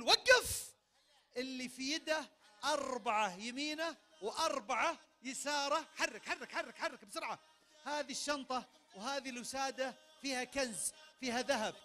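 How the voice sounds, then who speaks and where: High bright-voiced Saudi game host. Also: male voice. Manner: energetic, barks sudden commands. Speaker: game host at a public event. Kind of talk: leading a party game for a crowd. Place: large event tent. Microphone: handheld microphone.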